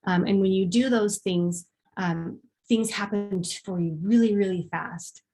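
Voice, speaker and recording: A woman's voice: medium pitch, a little slow, dark tone. A woman presenting a self-help workshop in a conversational way, with frequent ums and short acted-out examples. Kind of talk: casual workshop talk.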